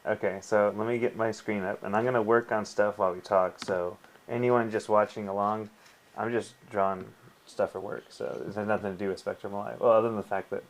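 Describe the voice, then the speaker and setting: An American man hosts a live stream, chatting casually in a fairly low, fairly even voice at a brisk pace. Faint noise from the home stream can be heard.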